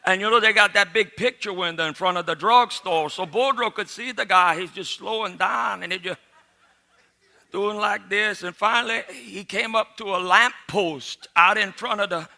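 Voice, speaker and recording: A man's voice: sits high, normal speed, creaky, pushed and bright. A man with a Cajun accent telling a comic story in a folksy, rambling way, often repeating his phrases. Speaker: comedian, joke teller.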